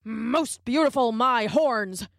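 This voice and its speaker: Gruff storybook wildebeest, boastful and taunting, done by a woman, dry close recording. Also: on the high side, lively intonation, slow, no room sound, voice pushed up. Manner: grunting, boastful.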